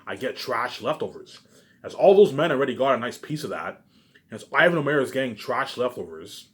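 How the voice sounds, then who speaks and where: With a mid-range voice, lively intonation and a brisk pace, this male vlogger delivers an off-the-cuff, profane rant to viewers. He rambles, repeats himself often and leans constantly on the same verbal tags.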